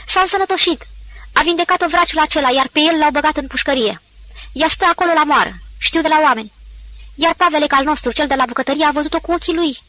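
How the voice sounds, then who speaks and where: Woman doing a shrill, flustered old housekeeper. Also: bright, forceful tone, no echo, low-quality recording. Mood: alarmed. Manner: gushing, high-pitched exclamations. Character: flustered older female housekeeper, chatty.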